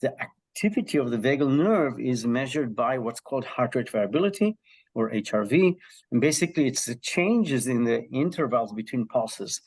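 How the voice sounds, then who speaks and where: A middle-aged man, a health psychology professor, explaining his research as an interview guest, telling it lively with frequent ums and throat-clearing. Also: medium pitch, normal speed.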